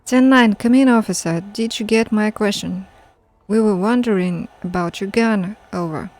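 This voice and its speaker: A woman's voice: mid-range voice, normal speed, darkish tone, natural voice. Woman reading as a formal police radio dispatcher. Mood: businesslike. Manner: clipped radio protocol, ends with "over".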